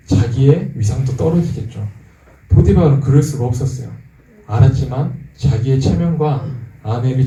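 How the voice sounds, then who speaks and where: A man's voice: medium pitch, warm tone. A man preaching a sermon as pastor, talking with the congregation and asking them questions. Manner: conversational, asks the congregation questions. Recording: echoey room from far off.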